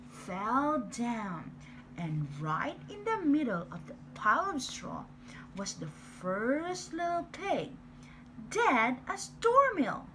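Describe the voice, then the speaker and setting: A woman's voice: on the high side, fairly bright tone, a little hiss or hum, exaggerated voice, low-quality recording. A woman voicing a sly male wolf who tells his own side of a storybook tale in a playful, exaggerated way. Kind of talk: storybook reading.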